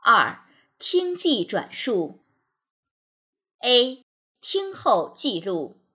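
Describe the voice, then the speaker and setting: A woman reading out exam instructions in a measured, formal way. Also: fairly high pitch, big pitch swings, pushed and bright, slightly rough.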